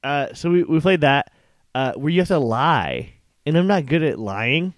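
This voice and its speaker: A man's voice: fairly high pitch, sing-song, moderate pace, dry recording, clean studio sound. Rambling young man telling a story. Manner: rambling storyteller, many fillers. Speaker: podcast co-host. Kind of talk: casual chat.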